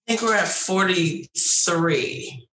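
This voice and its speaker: A woman's voice: fairly low pitch, drawn-out words, bright, forceful tone. A woman guest author giving casual, informal, easygoing answers in an interview over a video call. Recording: roomy, distant video-call audio, faint noise.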